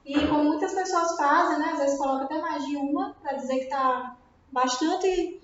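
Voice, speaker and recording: High-voiced teacher in a very echoey room. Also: female voice, moderate pace. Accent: Brazilian Portuguese. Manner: didactic, checks understanding with tag questions. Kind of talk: recorded classroom lesson. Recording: very echoey room, dull sound.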